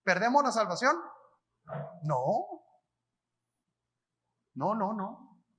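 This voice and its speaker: A man's voice: high voice, sing-song, extremely slow, fairly bright tone, husky. A man with a Mexican Spanish accent preaching a conference sermon, talking in a colloquial way, asking the audience questions and answering them himself. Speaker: apostle preaching.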